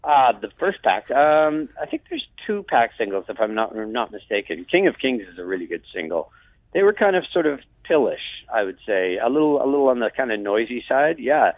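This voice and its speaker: A man talking in a casual interview over a bad phone connection that breaks up, relaxed and hesitant, with many fillers. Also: medium pitch, a little fast, no room sound. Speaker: musician guest on the phone. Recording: tinny phone line.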